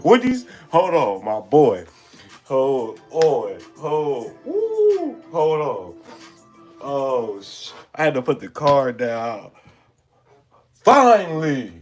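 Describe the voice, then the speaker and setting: A young man opening trading cards on camera, so hyped he keeps stammering and exclaiming. His pitch leaps all over the place while his words come slow and drawn out, with faint music playing under his voice. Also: wildly swooping pitch, a little mellow. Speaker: card-opening channel host. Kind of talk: excited unboxing vlog.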